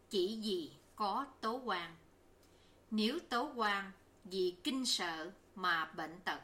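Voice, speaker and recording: A woman narrating a novel as an audiobook reader, in a measured, even storytelling manner. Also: mid-range voice.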